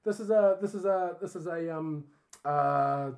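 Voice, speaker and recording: A man co-hosting a casual comedy chat, a little tipsy from wine, pitching a ridiculous movie idea with mock seriousness and frequent laughter. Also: measured pace, darkish tone. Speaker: podcast co-host.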